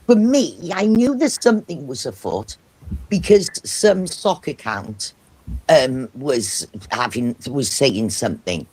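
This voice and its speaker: Welsh man, Cardiff accent, husky, animated casual talker. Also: medium pitch, slow. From Wales. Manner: animated, swears freely. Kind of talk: casual chat.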